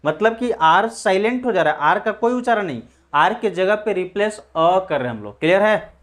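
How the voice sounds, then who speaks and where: A male English teacher runs a classroom pronunciation lesson in a slightly high, somewhat bright voice with lively intonation. He slowly drills words after spelling them out letter by letter, posing questions to the class and answering them himself.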